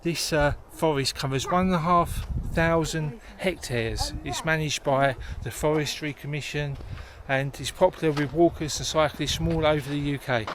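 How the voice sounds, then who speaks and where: A man's voice: on the high side, fairly even intonation, moderate pace, hardly any pauses. A man hosting a vlog and explaining things as he goes, recorded outdoors in a forest. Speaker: host. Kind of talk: explanatory vlog narration on location. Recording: noisy outdoor location sound.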